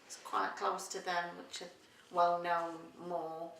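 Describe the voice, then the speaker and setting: A woman's voice: lowish voice, flat delivery, slow, vocal fry, fairly bright tone. A middle-aged woman from Yorkshire with a Yorkshire accent, chatting casually in an interview and often searching for words. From Doncaster, Yorkshire, England. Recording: roomy sound from a distance, faint noise.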